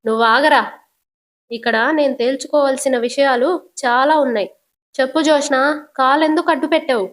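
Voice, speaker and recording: A woman voicing a stern middle-aged father who interrogates his family forcefully, in a retold TV serial. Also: sits high, brisk, natural voice.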